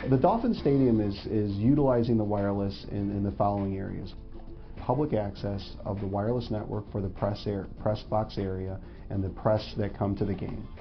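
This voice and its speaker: A man in his forties with a fairly low voice, matter-of-fact as he explains a network setup in a corporate testimonial. The sound is a bit muffled, with faint music underneath. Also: moderate pace. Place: indoor studio before a logo backdrop. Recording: slightly dull audio with faint music.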